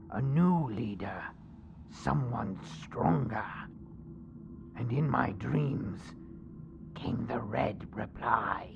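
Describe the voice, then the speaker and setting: A man voicing a zealous kobold cult preacher in a tabletop game, creaky and solemn, preaching slowly and theatrically to his acolytes. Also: medium pitch, muffled recording, background noise. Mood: conspiratorial. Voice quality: creaky, gravelly. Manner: solemn, slow, theatrical sermon delivery. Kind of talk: in-character tabletop game monologue.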